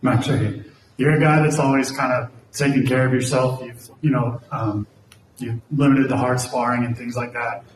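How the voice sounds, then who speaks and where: A man's voice: mid-range voice, steady tone, moderate pace. A man working as a reporter puts a casual, rambling question at a press conference. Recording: echoey room, distant mic, faint noise.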